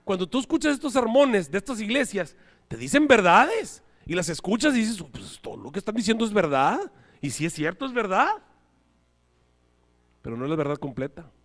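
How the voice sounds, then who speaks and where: A man preaching a sermon, animated, acting out little scenes and voices as he goes. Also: high voice, moderate pace. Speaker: pastor. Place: church hall. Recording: live church hall reverb.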